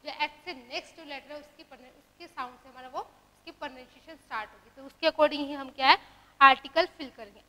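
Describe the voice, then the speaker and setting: A very high, bright woman's voice with an Indian accent explains grammar to a class. She poses questions and answers them herself, and slows right down to dictate example sentences. A long reverb hangs in the room behind her. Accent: Indian English. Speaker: English grammar teacher.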